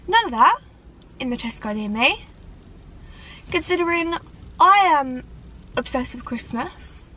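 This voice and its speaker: A woman, chatting to camera from a parked car, animated and gesturing, with dramatic sighs. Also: high-pitched, unhurried, long pauses, rough recording. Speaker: vlogger. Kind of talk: casual chat to camera. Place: parked car on a rainy day. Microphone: camera on the dashboard.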